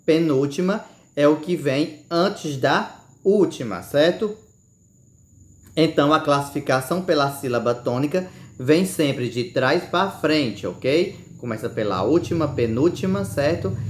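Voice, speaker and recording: Guy teaching a video class, slow and drawn out, keeps asking "certo?", echoey room. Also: on the high side, a little hiss or hum. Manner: slow deliberate, stretching key words, frequent "certo?" and "ok?". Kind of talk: recorded video lesson.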